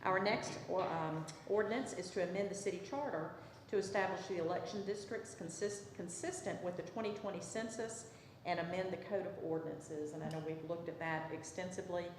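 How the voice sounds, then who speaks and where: A woman mayor with a Southern US accent, calmly chairing a city council meeting and calling votes. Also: fairly low pitch, fairly quick. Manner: procedural, calm, calls votes. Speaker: mayor presiding over council. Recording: echoey council chamber, faint noise.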